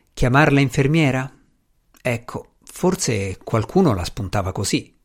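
A man reads an audiobook chapter aloud, steady and measured, at a middle pitch. His delivery stays even and unhurried throughout the narration. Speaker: audiobook reader.

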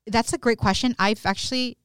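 A woman from California, a DJ guest, talking in a casual podcast conversation, animated and quick to correct herself mid-sentence. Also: on the high side, clear, resonant tone, no room sound, clean studio sound. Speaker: guest DJ and events manager.

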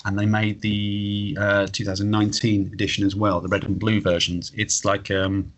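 A man's voice: lowish voice, monotone, normal speed. A man in his late thirties explaining his views in a casual, matey, rambling conversational way. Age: late 30s. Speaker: interview guest, flat earth believer.

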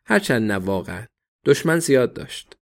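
A man's voice: mid-range voice, big pitch swings. A man reading as an evasive ex-boxer. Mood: guarded. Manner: curt, deflecting replies.

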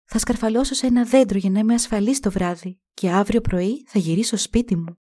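A woman's voice: mid-range voice, dark tone, pitched above the performer's own voice, close to an everyday voice. A woman voicing a frightened young princess who calls out with a trembling, panicked voice. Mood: worried. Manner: tremulous, calling out in panic. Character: high-pitched young princess, frightened girl.

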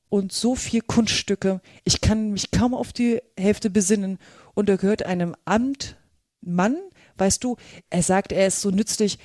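A woman reading a storybook and voicing a curious, polite little girl in a raised, girlish pitch. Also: darkish tone, no echo, clean studio sound, close to an everyday voice.

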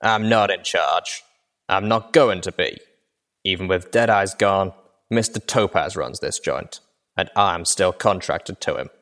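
A man voicing a gruff, blunt female griffin mercenary captain in an audiobook, speaking in a businesslike way. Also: on the low side, a little slow, fairly bright tone. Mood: firm.

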